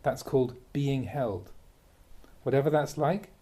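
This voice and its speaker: A Buddhist monk with a mellow, mid-range voice reads aloud a translated Dharma talk by a teacher, adding brief asides. His delivery is measured and emphatic, and he poses rhetorical questions.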